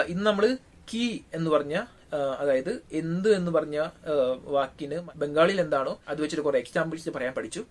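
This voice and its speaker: A man with a Malayali accent giving a relaxed, casual spoken language lesson, pausing often on drawn-out fillers. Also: on the high side. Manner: unhurried, frequent drawn-out fillers. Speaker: language teacher.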